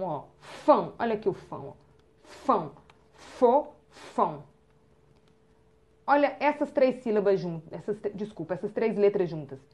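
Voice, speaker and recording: A woman with a Brazilian Portuguese accent teaching children to read, sounding out syllables slowly and clearly. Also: medium pitch, a little mellow. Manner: slow, drawn-out sounding of syllables to the viewer. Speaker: literacy teacher. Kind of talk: children's phonics lesson.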